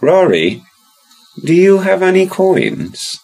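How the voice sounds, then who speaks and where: A man voicing a kind, patient mother who speaks in a gentle way. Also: high-pitched, huge pitch swings, takes it slowly, vocal fry, slightly rough, voice pushed up, exaggerated voice.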